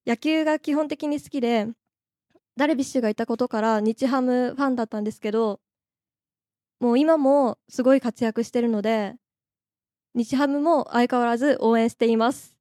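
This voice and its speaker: A woman's voice: fairly high pitch, dark tone, no room sound, clean studio sound. A young woman, a first-year student, introducing herself eagerly. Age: young adult. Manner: eager, rushed. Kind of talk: timed self-introduction.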